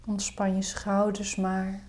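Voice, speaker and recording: A woman leading a guided meditation in a soft, breathy, soothing half-whisper. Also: medium pitch, monotone, slow.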